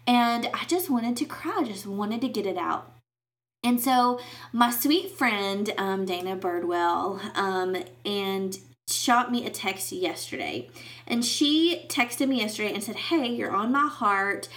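A woman's voice: medium pitch, slow pace, a bit bright. A woman hosting a faith podcast, talking in a candid, rambling way with many fillers and restarts. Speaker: podcast host. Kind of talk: casual faith podcast monologue.

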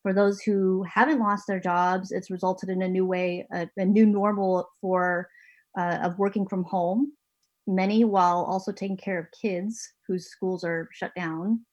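The podcast host and managing editor records from her home basement, talking earnestly and occasionally restarting. Her mid-range voice holds a steady tone and moves a little slowly.

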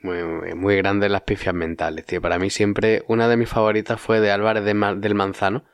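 A man with a lowish voice, recorded dry and close. He hedges his points, stumbling through fillers and restarts in a relaxed podcast chat. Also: brisk, clear, resonant tone, no echo. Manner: hesitant, with many fillers and restarts. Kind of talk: casual chat.

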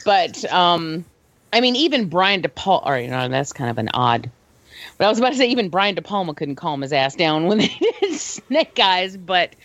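A woman's voice: fairly low pitch, normal speed, no room sound. A woman co-hosting a podcast, chatting casually about films, laughing often. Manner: animated, laughs often, restarts. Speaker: podcast co-host. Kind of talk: casual film review chat. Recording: dull dry lo-fi sound.

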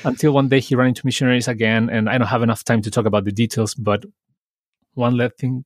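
This Chilean man hosts a conversational podcast, reflectively recalling memories in an easygoing, storytelling way with light laughter. His medium-pitched voice holds a steady tone even though he talks fast. The recording is dry and close, with no room sound at all.

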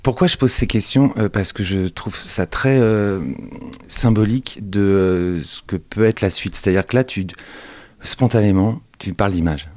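A man's voice: on the low side, moderate pace, dark tone, no echo. A man hosting an interview, asking meandering questions full of fillers and hesitations. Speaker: interviewer host.

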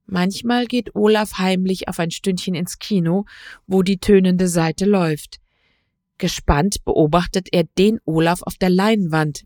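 A woman reading a literary story aloud in a measured, even storytelling way. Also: fairly low pitch, dry recording, clean studio sound. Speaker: reader. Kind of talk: scripted narration of a literary story.

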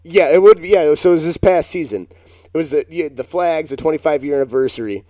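Dark-voiced man telling a rambling story. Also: a little high, fast talker, dry recording, studio quality. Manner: rambling, animated, self-mocking storyteller. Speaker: podcast co-host. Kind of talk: casual storytelling chat.

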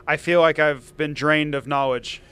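A man's voice: on the high side, fairly even intonation, normal speed, a bit bright, smooth. A man talking casually about sports as a commentator, with dry, matter-of-fact humor. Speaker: former racer, commentator. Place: small office cubicle.

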